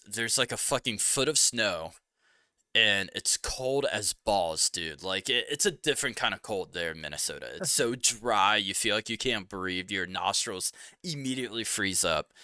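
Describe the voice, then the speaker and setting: A young man from Cincinnati co-hosting a podcast, chatting casually and telling rambling, animated stories. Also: lowish voice, measured pace, clean tone, no echo, studio quality. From Cincinnati, Ohio. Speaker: podcast co-host. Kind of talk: casual chat.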